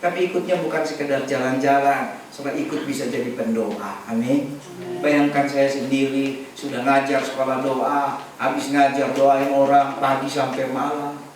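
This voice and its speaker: A man preaching a sermon as pastor, animated and joking, calling for responses from the congregation. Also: mid-range voice, normal speed, slight background noise. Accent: Indonesian. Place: large church hall. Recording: echoey church hall, distant mic.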